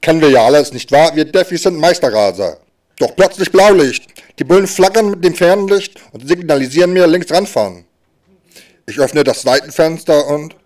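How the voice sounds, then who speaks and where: Recorded from afar, a slightly high-voiced man interprets stand-up comedy from sign language into speech. His lively voicing shifts back and forth between loud and soft.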